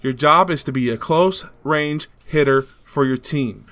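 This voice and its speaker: A gaming channel host with a slightly high, somewhat bright voice speaks unhurriedly in a casual tutorial voice-over on a dry recording. He coaches beginners in a joking, hyped-up way.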